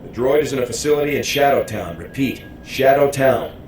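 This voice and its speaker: An actor playing a steadfast, dutiful military lieutenant in a video game, firm and matter-of-fact. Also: male voice, mid-range voice, lively intonation, a little fast, a little mellow, slight background noise, lightly acted. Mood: firm, resolute. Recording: roomy echo, faint music.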